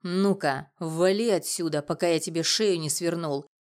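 A woman reading an audiobook, voicing a huge, burly older male neighbor with a husky, gruff, growling voice. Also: fairly low pitch, normal speed, close to an everyday voice. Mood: threatening.

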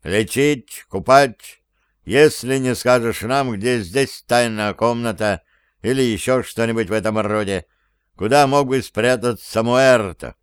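Stern gruff companion, firm and measured, read by a man; storybook. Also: medium pitch, no room sound, clean studio sound, close to an everyday voice.

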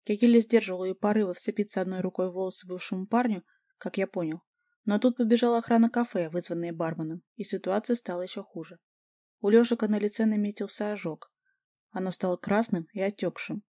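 A woman narrating an audiobook in a lively first-person reading. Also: mid-range voice, fast talker, dry recording, studio quality. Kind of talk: scripted narration.

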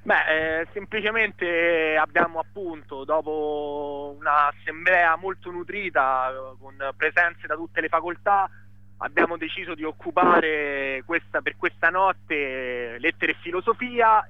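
Bright-voiced man calling in by phone. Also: fairly high pitch, no echo. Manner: explains with repeated filler words, earnest. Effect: heard over a phone line. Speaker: student caller reporting an occupation. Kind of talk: phone-in report on a radio show.

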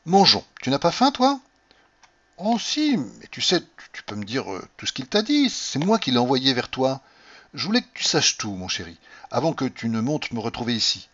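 A man's voice: medium pitch, very animated, moderate pace, fairly bright tone, pitched above the performer's own voice. A man reading an audiobook, voicing a young wife who is feverish and shivering and talks in a teasing, coaxing manner. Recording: dull lo-fi recording.

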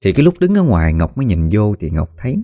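A man narrating a spooky story in a folksy, animated way, acting out the voices of the people in it. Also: lowish voice, fast, no echo. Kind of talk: spoken ghost story narration.

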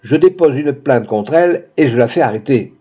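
A furious, grieving older doctor, as a male reader puts him on, bursting out with angry exclamations. The voice sits in a mellow middle register, and the lo-fi sound is dull. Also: medium pitch, lively intonation, moderate pace, breathy edge. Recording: dull lo-fi recording.

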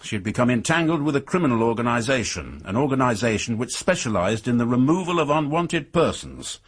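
In a radio drama, a male actor voices a shrewd, methodical British police inspector, speaking in a measured, formal way. His husky voice sits at medium pitch with a sing-song quality, and the mood is firm and official.

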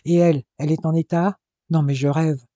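A man reading aloud as a furious young man who talks in sharp, raised, scolding bursts. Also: on the high side, fairly even intonation, brisk, no room sound, dull audio, close to an everyday voice.

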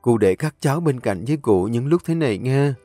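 A man's voice: medium pitch, expressive, brisk, dark tone, no echo, faint music behind, natural voice. A man voicing a determined, tender young woman from the countryside, talking in an emotional, pleading way. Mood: gentle.

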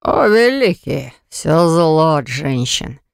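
A man's voice: fairly high pitch, big pitch swings, slow, vocal fry, smooth, dry recording, clean studio sound, heavily acted. A reader voicing an arrogant, menacing blond male fire mage in an audiobook, speaking in a sneering, spiteful way. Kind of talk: audiobook character voice.

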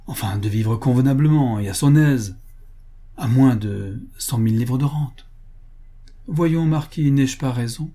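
A man's voice: medium pitch, unhurried, warm tone, pitched above the performer's own voice, natural voice. A male audiobook reader voicing an opinionated society lady who argues insistently at dinner. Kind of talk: audiobook character voice.

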